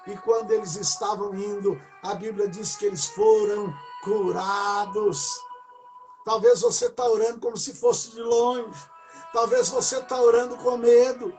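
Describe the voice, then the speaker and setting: A man preaching at a prayer service, exhorting fervently with repetition, loud bursts and moments of speaking in tongues. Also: high voice, low-quality recording.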